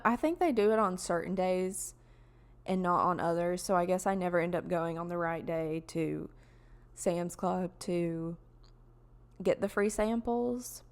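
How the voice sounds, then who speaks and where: Young woman with a twang, podcast host, slow and meandering, lots of "like" and "um". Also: fairly low pitch, darkish tone. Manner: rambling, chatty, lots of fillers and laughs. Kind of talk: casual solo podcast chat.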